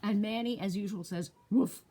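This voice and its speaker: A woman's voice: medium pitch, normal speed, slight background noise. A woman librarian reading a picture book aloud to young children, asking them questions as she goes. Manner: animated, asks children questions. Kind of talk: storytime read-aloud.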